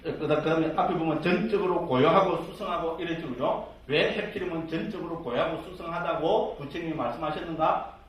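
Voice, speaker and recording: A monk who teaches Buddhist scripture lectures in a jokey, conversational style full of tag questions, before a live audience in a lecture room. His voice is on the high side, a little fast, with few pauses. The recording, made from far off, is echoey with a faint hiss.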